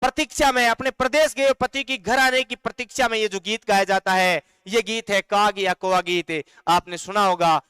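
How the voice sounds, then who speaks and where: A man with a Rajasthani accent teaching an online live class, dictating notes slowly, singing folk song lines and answering chat comments. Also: high voice, steady tone, sharp tone, clean tone, dry recording, clean studio sound.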